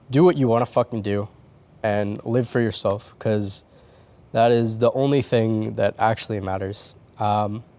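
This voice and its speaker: Halting young man venting late at night. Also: on the low side, gravelly, a little mellow. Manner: halting, restarts often, swears casually. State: tearing up. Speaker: vlogger. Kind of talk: late-night confessional vlog. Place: on a roof outdoors.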